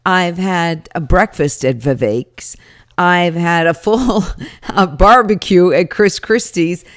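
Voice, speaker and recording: A woman with a slightly low voice delivers casual commentary as a personal recap. She is chatty and opinionated, with a wry edge to the way she talks. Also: takes it slowly. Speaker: rally attendee giving commentary.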